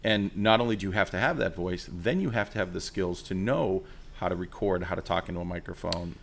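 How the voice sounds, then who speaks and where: A man's voice: deep voice, brisk, creaky. A man hosting an interview, asking curious questions and summing up what his guest says. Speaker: interviewer, host.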